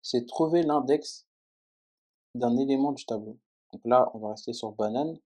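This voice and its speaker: A man's voice: mid-range voice, normal speed, dark tone. A man teaching a coding lesson in French as he types, explaining each step and often checking in with the viewer. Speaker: programming tutor. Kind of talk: screen-recorded coding tutorial.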